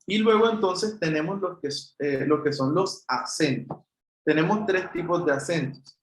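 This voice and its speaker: A man's voice: on the high side, moderate pace, roomy sound, rough recording. A man teaching an online Greek class, explaining patiently step by step and addressing students as brothers, with a Chilean Spanish accent.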